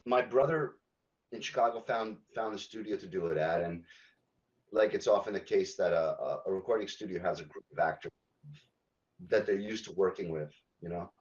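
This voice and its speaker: A man, a game localization director, answering podcast interview questions haltingly, with many ums and restarts. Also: deep voice, darkish tone, lo-fi sound.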